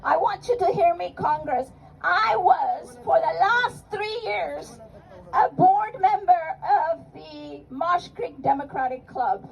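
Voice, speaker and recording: A woman's voice: very high voice, expressive, takes it slowly, creaky, lo-fi sound. A woman speaking as an activist at a rally, delivering an impassioned, emphatic speech with repeated phrases and rhetorical questions. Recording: outdoor rally, distant mic, crowd behind.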